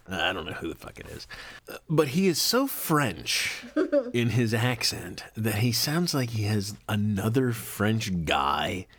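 Low-voiced man co-hosting a casual podcast. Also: breathy edge, no room sound. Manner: animated, profane, laughs often. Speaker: podcast co-host. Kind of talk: casual chat.

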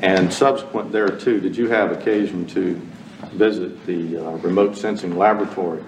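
A man's voice: low voice, fairly even intonation, moderate pace. A man questioning a witness formally in a courtroom, heard from an old archival trial tape. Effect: old archival 1979 courtroom tape. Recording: echoey, distant, noisy old tape.

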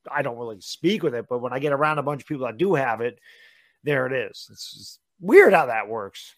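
A man's voice: medium pitch, lively intonation, a little fast, no room sound, clean studio sound. A man co-hosting a casual sports talk show, easygoing and agreeable. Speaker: co-host.

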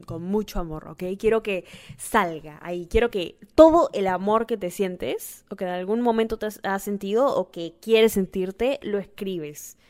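Woman hosting her solo podcast, casual and affectionate, gets excited fast. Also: mid-range voice. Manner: gushing, affectionate, easily excited. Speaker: podcast host.

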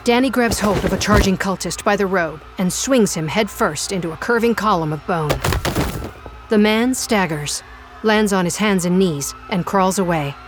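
A woman's voice: mid-range voice, moderate pace, music in the background. Woman narrating a suspenseful audio drama.

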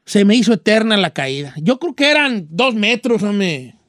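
A man's voice: high-pitched, sing-song, normal speed, fairly bright tone, no room sound, studio quality. A man putting on a folksy old rancher character with a Mexican accent, a radio host telling a rambling story and giving advice. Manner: rambling, folksy, full of rural slang. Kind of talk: storytelling and advice on a call-in show.

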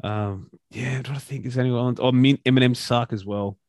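A man's voice: medium pitch, steady tone, normal speed, darkish tone, no room sound, studio quality. A man co-hosting a casual podcast, rambling with restarts and casual swearing. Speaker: podcast co-host.

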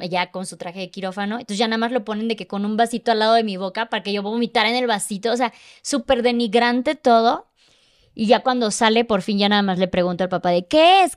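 A woman's voice: medium pitch, fairly even intonation, quick pace, clean tone. A woman telling a personal story in casual podcast conversation, emotional and vivid, acting out the dialogue. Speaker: podcast guest.

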